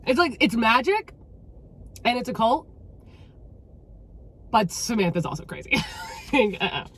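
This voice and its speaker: Lively animated woman chatting about books. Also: fairly high pitch, a little slow, breathy edge. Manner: animated, swearing, quotes herself dramatically. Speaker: book vlogger. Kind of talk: casual book chat.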